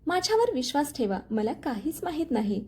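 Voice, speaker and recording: A woman's voice: high voice, very animated, a little fast, a little mellow. Woman reading a tearful, pleading young bride. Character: wronged young bride, gentle and frightened.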